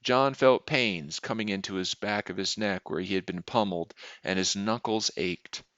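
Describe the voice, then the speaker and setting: A man narrating a short story aloud in a steady, measured reading, in a dull lo-fi recording. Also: on the low side, no echo. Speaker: audiobook reader.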